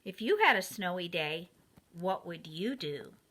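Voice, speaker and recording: A preschool teacher shares a picture book with young children, her bright, clear voice rising and falling in a very lively, swooping way at a slow, deliberate pace.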